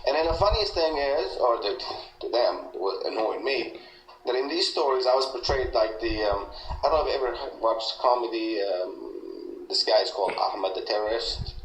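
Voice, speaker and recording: A man in a recorded interview, telling an aggrieved story haltingly, with many restarts. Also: medium pitch, lively intonation. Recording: echoey room with faint noise.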